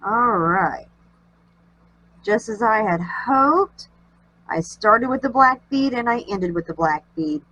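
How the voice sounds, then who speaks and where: A woman's voice: fairly high pitch, expressive, slow, pushed and bright, slight background noise, low-quality recording. A woman with a nasal, allergy-congested voice hosting a craft tutorial, chatting in a homey way as she works. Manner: chatty, homey, talks while working. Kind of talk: casual craft tutorial narration.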